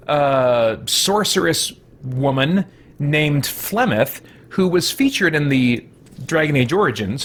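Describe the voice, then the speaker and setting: With a mid-range, fairly bright voice, this man streams and hosts games, chatting casually over his gameplay on a livestream. His commentary rambles, and he keeps correcting himself and making self-deprecating jokes.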